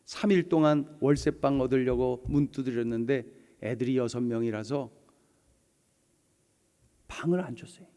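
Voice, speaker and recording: A pastor preaching a sermon, emphatic and repetitive, leading the congregation to read and repeat after him. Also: male voice, medium pitch, normal speed, long pauses, warm tone, long reverb tail. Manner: emphatic, repetitive, leads congregation in call-and-response. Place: church sanctuary.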